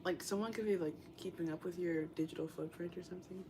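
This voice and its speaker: A woman's voice: lowish voice, fast, noisy background. A young woman giving a casual tarot reading in a rambling, meandering way, full of fillers. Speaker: tarot reader.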